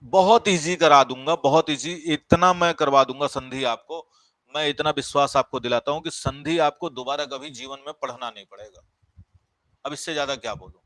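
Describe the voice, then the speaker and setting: A man's voice: a little high, moderate pace, a bit bright, dry recording. A man teaching a grammar class, explaining step by step, repeating key words and asking the class questions. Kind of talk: live online grammar class.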